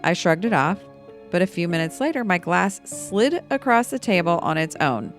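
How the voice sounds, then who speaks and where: A woman voicing an unnerved female pub regular, reading her ghost tale in a hushed, quiet voice. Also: lowish voice, very animated, normal speed, faint music behind. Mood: hushed spooky.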